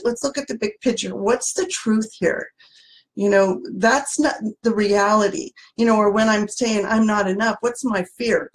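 Earnest woman life coach, searching speech. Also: medium pitch. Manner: earnest, repeats herself and restarts while searching for words. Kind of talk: motivational talk to viewers.

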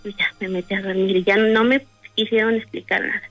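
A woman's voice: mid-range voice, fairly even intonation, fairly quick, fairly bright tone, dull audio, faint music behind. A woman telling a personal story in a casual, hesitant way, with many fillers and restarts. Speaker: guest telling a paranormal story.

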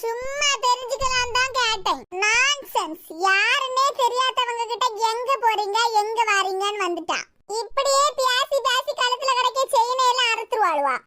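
Woman voice artist, Kanyakumari Tamil; voices a whole cartoon cast, very high and bright, quarrelsome banter. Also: moderate pace. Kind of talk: voicing all cartoon characters.

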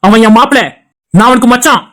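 A woman's voice: a little high, fast talker, fairly bright tone, lightly acted. Woman voicing a furious scolding husband. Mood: angry scolding. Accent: Tirunelveli Tamil. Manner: scolding, insulting, heated. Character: angry loyal husband defending his brother. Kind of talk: cartoon dialogue acting.

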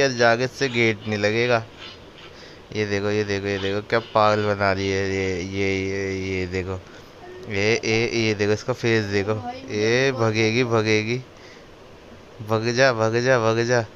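A lower-voiced young man gives an excited, casual voice-over on his family prank clips. He laughs and keeps pointing things out to the viewer. A faint hiss sits behind his voice. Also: dull audio. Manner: chatty, laughing, keeps repeating "look, look". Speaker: vlogger narrating his prank video.

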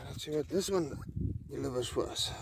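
A man's voice: mid-range voice, brisk, creaky, noisy background. Man digging in a garden, talking. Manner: relaxed, commenting while digging. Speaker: homestead vlogger. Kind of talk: casual garden narration. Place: outdoor vegetable garden.

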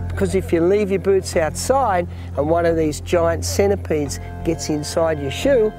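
A man in his fifties with an Australian accent, presenting a wildlife documentary outdoors in a dramatic, emphatic, marvelling manner. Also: a little high. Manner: dramatic, emphatic, marvelling, often breaking off to address the animal. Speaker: wildlife show host.

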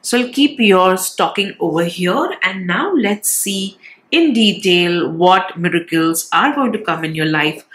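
A woman's voice: fairly low pitch, animated, unhurried, fairly bright tone. A woman with a nasal, congested voice from a cold, giving a casual tarot reading to viewers and often checking in with short tags. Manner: reassuring check-in tags like "all right", "okay". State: has a cold. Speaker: tarot reader, channel host. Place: indoors, at a decorated tabletop.

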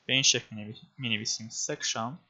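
A man's voice: mid-range voice, fairly even intonation, sharp tone, slightly rough. A man teaching web design in a screencast, explaining step by step with frequent filler sounds and calling his viewers friends. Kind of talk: screencast coding tutorial.

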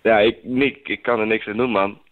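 A man's voice: lowish voice, fairly even intonation, normal speed, narrow, tinny audio. A young Dutch man on a prank call, talking in casual, sheepish slang. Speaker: prank caller.

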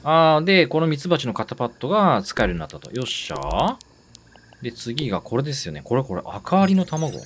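A man giving let's-play commentary, excitable, talking to himself and repeating words in quick bursts. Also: medium pitch, a little hiss or hum. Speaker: game streamer.

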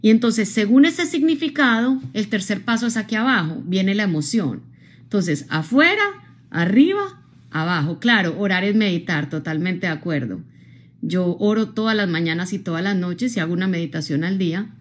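A Colombian woman with a medium-pitched voice gives a live-streamed motivational talk at normal speed. She speaks expressively and directly to her viewers, often checking in with them through frequent tag questions.

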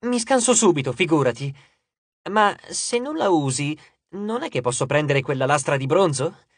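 A man's voice: fairly high pitch, animated, moderate pace, husky, no room sound. A man voicing a cheeky teenage boy, speaking sarcastically as he bargains. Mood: wry.

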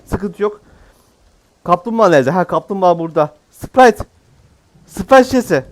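A man's voice: sits high, lively intonation, brisk. A man giving casual, jokey let's-play commentary as a gaming YouTuber, exclaiming often.

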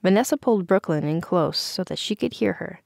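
A woman narrates an audiobook in a steady, scripted storytelling voice. Her tone is gravelly, with a fry running through it. The recording is dry and close, with no room sound. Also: lowish voice, a little fast, no echo.

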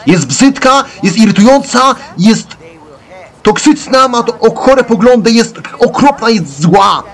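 A man doing let's-play gameplay commentary, ranting excitably and yelling at the characters. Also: very high-pitched, measured pace.

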